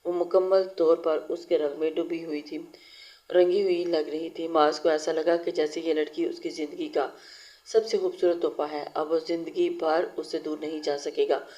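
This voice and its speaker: A narrator reading a romance novel aloud in a steady storytelling style, with occasional restarts. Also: mid-range voice, normal speed.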